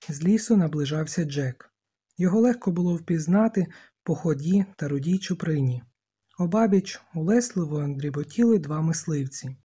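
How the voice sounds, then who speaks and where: An audiobook reader narrating a novel in a steady, measured way. The voice is mellow and warm with a slightly husky grain. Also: medium pitch. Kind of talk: scripted narration.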